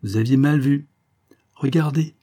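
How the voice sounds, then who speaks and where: A man voicing a mischievous, spirited young woman in an audiobook, his voice raised higher, lively and wilful. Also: normal speed, breathy edge. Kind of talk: audiobook reading.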